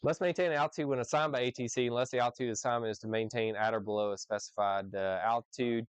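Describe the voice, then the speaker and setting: Speaking at a quick, smooth clip with a steady, medium-pitched voice, a male flight instructor leads an informal discussion. He reads out rules and explains them conversationally, often asking "right?" to check in. There's no echo on the recording.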